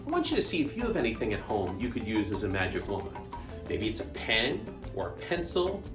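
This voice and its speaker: Kids' party magician host: playful, coaxing, highly expressive pitch, interactive patter, roomy echo. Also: brisk, music in the background. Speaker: children's magician and show host.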